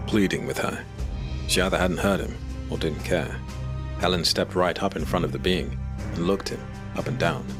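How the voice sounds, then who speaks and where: A man narrating a dark fantasy audio drama with measured, even storytelling. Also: deep voice, music in the background. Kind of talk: scripted narration.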